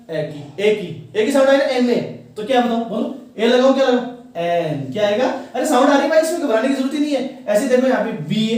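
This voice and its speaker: A man's voice: extremely high pitch, a little mellow. A man teaching an exam-prep grammar lesson, who keeps asking questions and then answering them himself. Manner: quizzes listeners and answers himself. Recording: echoey room, mic at a distance.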